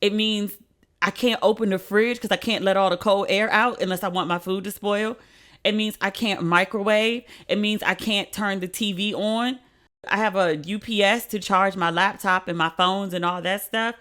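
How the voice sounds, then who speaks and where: A woman's voice: mid-range voice, fairly even intonation, moderate pace, a bit bright. A tipsy woman hosting a podcast, talking casually and unscripted in salty, slangy language with repeats for emphasis. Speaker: podcast host. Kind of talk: casual chat, unscripted monologue.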